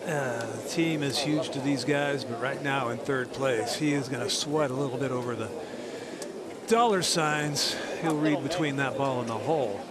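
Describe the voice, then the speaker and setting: A man's voice: medium pitch, normal speed. A man giving live golf commentary and analysis. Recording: very noisy outdoor broadcast sound. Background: loud outdoor ambience.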